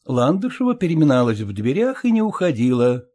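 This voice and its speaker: A man narrating an audiobook in measured storytelling. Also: mid-range voice, big pitch swings, mellow. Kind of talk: scripted narration.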